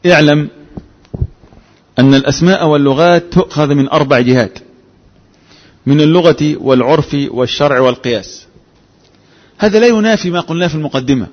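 A man with an Egyptian accent teaches a jurisprudence class. He often checks with his students and answers his own questions, in a fairly high voice. The sound is dull and lo-fi, with long reverb from a hall. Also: brisk, pauses often. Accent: Egyptian Arabic. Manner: asks the class rhetorical questions, mixes formal and colloquial speech. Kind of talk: classroom lecture.

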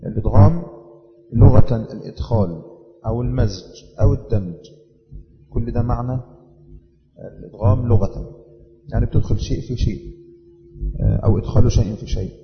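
A man with an Egyptian accent teaching the rules of Quran recitation in a measured way, repeating each rule as he explains it. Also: mid-range voice, big-room sound, highs cut off. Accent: Egyptian Arabic. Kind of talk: tajweed lesson.

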